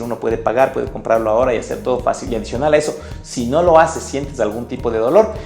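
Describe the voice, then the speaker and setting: A man's voice: mid-range voice, gravelly, a little mellow. A man presenting a sales book summary in an upbeat, emotive way, speaking straight to the viewer. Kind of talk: animated sales lesson. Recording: echoey room with faint music.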